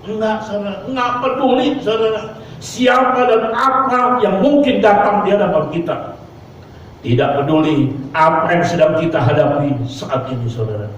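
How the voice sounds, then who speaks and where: A male pastor preaching a sermon, punctuating his phrases with a repeated address to the congregation and acting out quoted voices with big pitch jumps. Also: moderate pace, slight background noise. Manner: preacher's refrain of "saudara kasih Tuhan" between phrases. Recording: echoey church hall from far off, dull.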